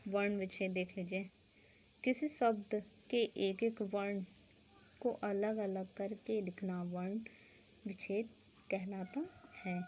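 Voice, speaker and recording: A woman's voice: mid-range voice, darkish tone, slight background noise. A woman teaching a school grammar lesson, explaining step by step, asking questions and answering them herself, checking in often with the class.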